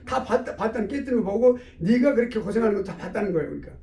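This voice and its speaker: Professor guy telling a story fast, high-ish and gravelly, echoey room far from the mic. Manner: animated, with acted-out dialogue. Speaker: theology professor. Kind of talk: storytelling lecture.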